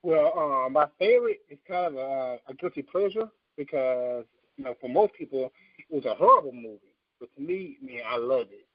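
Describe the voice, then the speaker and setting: Offering eager opinions in casual, emphatic conversation, a thirty-something man co-hosts a podcast about video games. He speaks at a moderate pace in a fairly high, sing-song voice, and the sound is slightly dull and radio-like, dry with no room sound.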